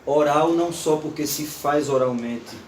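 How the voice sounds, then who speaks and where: A man's voice: a little high, a little slow, reverberant, recorded from a distance, a little hiss or hum. A man giving an informal, playful lecture to an audience. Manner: animated, playful, recites verse aloud.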